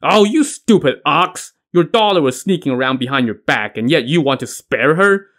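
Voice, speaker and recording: A man playing a hot-tempered, brutish male outlaw warrior in an audio story, loud and blunt. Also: medium pitch, lively intonation, fairly quick, close to an everyday voice. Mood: roaring angry.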